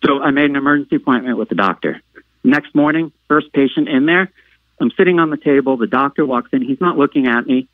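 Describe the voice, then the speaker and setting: Halting man on a tinny line. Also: medium pitch, dry recording. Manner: halting, filler-heavy retelling; acts out quoted lines with sudden loud outbursts. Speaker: podcast guest. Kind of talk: personal storytelling. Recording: narrow phone-like line, dry.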